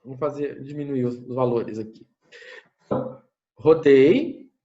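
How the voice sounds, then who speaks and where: A man's voice: mid-range voice, a little slow, mellow, muffled recording. A man with a Brazilian Portuguese accent teaching an online class, explaining step by step, thinking aloud and often checking in with his listeners. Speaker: university lecturer. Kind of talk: online lecture with screen sharing.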